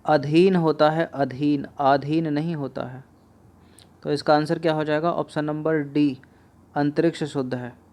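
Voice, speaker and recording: A man's voice: a little high, steady tone, unhurried, darkish tone. A man teaching an exam-prep spelling lesson, going through answer options and repeating each word several times. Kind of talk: spoken Hindi spelling lesson.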